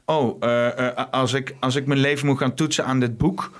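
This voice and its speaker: Casual-chat man, middle pitch, stammers and repeats words. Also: fairly even intonation, normal speed.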